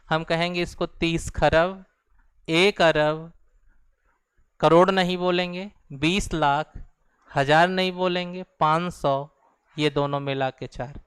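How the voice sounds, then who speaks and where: A man's voice: a little high, fairly bright tone, clear, resonant tone, dry recording. A man teaching a math lesson, speaking. He patiently explains each step, repeats it, and addresses students as "brother". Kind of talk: explaining place values on a board.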